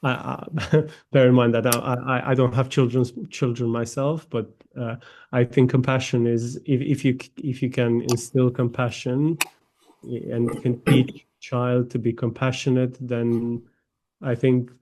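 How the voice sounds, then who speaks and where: A man's voice: mid-range voice, little pitch movement, unhurried, warm tone, a little hiss or hum. A man sharing his views in an online study group, hesitant with many restarts.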